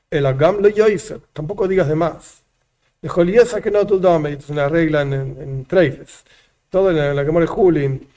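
A man's voice: fairly high pitch, mellow. A man teaching a religious lesson, reading lines aloud and then explaining each one with examples. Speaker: rabbi teaching a text.

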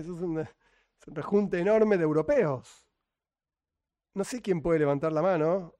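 A Torah teacher from Buenos Aires, a middle-aged man with a Rioplatense Spanish accent, has a slightly high, slightly mellow voice. He delivers his lesson informally, leaning on rhetorical questions and sarcastic remarks.

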